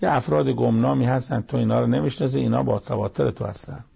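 A man's voice: medium pitch, fairly even intonation, creaky, dark tone, husky. A man giving a Quran commentary lesson, explaining verse by verse in a plain, conversational way and retelling stories as dialogue. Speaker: Quran interpreter.

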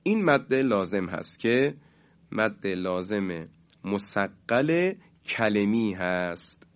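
A man teaching Quran recitation rules in a radio lesson, speaking in a measured way, drawing out key terms slowly and chanting example words louder. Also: on the low side, lively intonation, muffled recording.

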